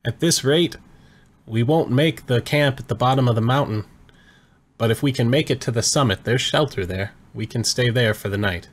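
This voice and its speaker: A man voicing a weary, half-frozen mountain guide who shouts to be heard over the wind. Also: mid-range voice, normal speed, pitched above the performer's own voice, natural voice. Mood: strained shouting.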